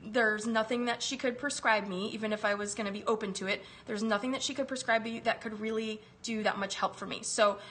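Greeting viewers by name, a wellness live-stream host in her thirties chats from her home kitchen while she recovers from a chest virus. Her voice sits a little high, fairly bright, with fairly even intonation and a brisk pace with few pauses. She is recorded close up on a phone camera.

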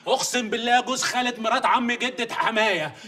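Brief: a pushy Egyptian host, fast and high-pitched, escalating threats. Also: male voice, bright, forceful tone. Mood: insistent. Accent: Egyptian Arabic. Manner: insistent, swears oaths, escalating threats. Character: overbearing male host Awad, pushy hospitality. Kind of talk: comedy sketch acting.

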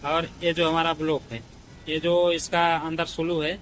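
Young mechanic guy doing a casual bike repair vlog, bright kinda high voice, keeps saying guys, phone up close outside a shop. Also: little pitch movement, moderate pace, slight background noise, rough recording. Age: young adult. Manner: explains step by step, often saying "guys" and "jaise ki". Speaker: motorcycle mechanic. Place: outdoors in front of a street-side shop.

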